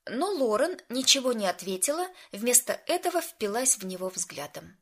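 A woman reading a first-person audiobook story in an even, storytelling manner. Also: fairly high pitch, normal speed. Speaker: narrator.

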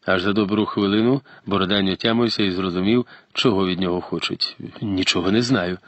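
A man narrating an audiobook in a steady, even storytelling manner. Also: low voice, a little fast, no echo. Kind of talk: scripted narration.

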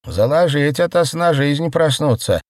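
A hoarse, wheezing, grotesque woman in rags, as a male reader puts her on in a dry audiobook reading. The voice sits high above the reader's own and rasps through exalted cries. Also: lively intonation, normal speed, dry recording, natural voice.

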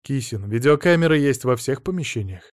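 A man voicing a calm, ironic police detective, polite and dry in an audiobook. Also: medium pitch, fairly quick, no echo, close to an everyday voice. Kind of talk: audiobook character voice.

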